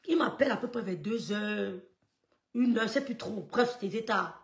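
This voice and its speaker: Woman, storytelling, loud-soft swings, stammering, echoey room. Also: mid-range voice, expressive, normal speed. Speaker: storyteller recounting gossip. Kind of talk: animated casual storytelling.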